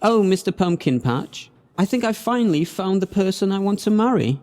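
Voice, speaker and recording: A man's voice: high-pitched, animated, normal speed, a little mellow, faint music behind. A man playing a lovestruck, easily flustered young prince in a theatrical audio pantomime. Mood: smitten.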